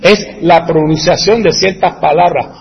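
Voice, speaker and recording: A man's voice: on the high side, steady tone, moderate pace, gravelly, muffled recording. A man chatting casually as a host, rambling, asking rhetorical questions and chuckling. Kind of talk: casual chat, answering viewer comments. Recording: echoey room with long reverb.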